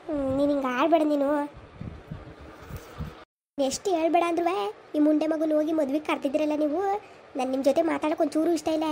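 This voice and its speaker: A woman's voice: high-pitched, fairly even intonation, brisk, long pauses, dark tone, slight background noise, close to an everyday voice. A woman playing a bitter mother who was abandoned by her husband, scolding and cursing. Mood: furious.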